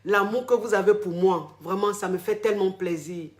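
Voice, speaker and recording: Speaking to followers on a live stream, this man in his 40s has a high voice and a moderate pace. He's a relationship coach who talks casually and effusively, repeating phrases constantly and ending many sentences with a filler.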